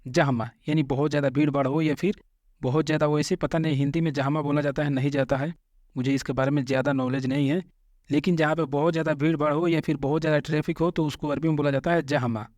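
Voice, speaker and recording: A man teaching vocabulary, slowly repeating each word and patiently explaining common mistakes. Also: fairly high pitch, fairly even intonation, darkish tone, dry recording, studio quality. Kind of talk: Hindi-language vocabulary lesson.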